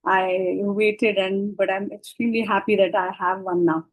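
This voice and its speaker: A woman's voice: mid-range voice, flat delivery, moderate pace, poor audio. A woman, speaking as a panelist in an online discussion in a hesitant, practical way. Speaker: panelist, solar cooker user.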